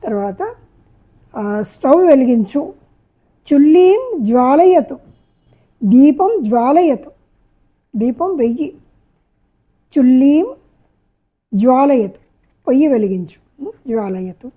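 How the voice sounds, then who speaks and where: Slow, husky-voiced woman teaching Sanskrit. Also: high voice, lively intonation, mellow. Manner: repeats each phrase and glosses it patiently. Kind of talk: slow spoken language lesson, explaining Sanskrit phrases in Telugu.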